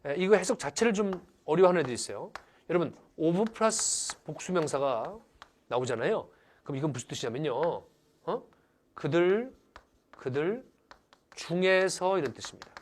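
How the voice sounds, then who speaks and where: Lively, animated male grammar teacher. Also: fairly high pitch. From Korea. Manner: lively, theatrical, asks the class questions often. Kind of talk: animated lecture with acted-out examples.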